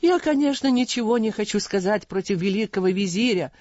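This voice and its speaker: A panicky older merchant, acted by the audiobook reader, pitched up and pleading as he protests his innocence. His voice leaps about wildly. The sound is dry and dull. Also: expressive, a little fast, darkish tone, no room sound, close to an everyday voice. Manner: wailing, pleading.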